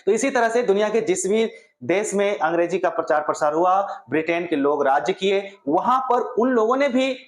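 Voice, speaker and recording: A man's voice: high voice, expressive, normal speed, echoey room. A man teaching pronunciation at a classroom board, asking himself questions and answering them. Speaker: English teacher. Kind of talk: explaining pronunciation to viewers.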